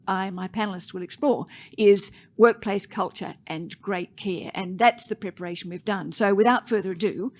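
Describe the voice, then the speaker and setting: Australian woman, panel chair at a conference, friendly and chatty, trips over her words, speaks from the stage. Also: medium pitch. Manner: chatty, self-deprecating, restarts phrases. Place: conference stage before a live audience.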